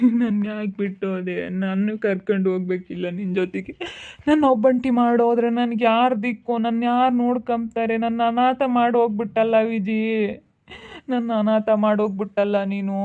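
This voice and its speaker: With a natural, mid-range voice and a rural Chitradurga Kannada accent, a woman plays a grieving young village husband in a family drama. Sobbing, she wails and pleads, repeating phrases. The recording sounds thin and tinny, like a phone.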